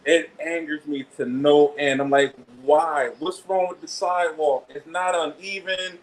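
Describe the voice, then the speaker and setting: Slightly high-voiced man ranting casually. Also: steady tone, poor audio. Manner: halting, starts with repeated "I"s, ranting. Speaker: podcast co-host. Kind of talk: casual live podcast chat.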